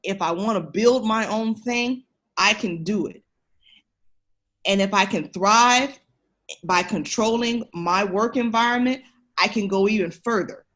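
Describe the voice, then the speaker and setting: An education researcher talks to the listener as a podcast guest, her voice medium in pitch and fairly bright. She takes her time, yet stays emphatic and encouraging in a conversational style.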